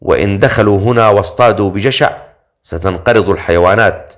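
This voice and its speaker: A man's voice: fairly low pitch, brisk, close to an everyday voice. A man voicing a stern male master of the forest in an audiobook, speaking with cold, curt warnings.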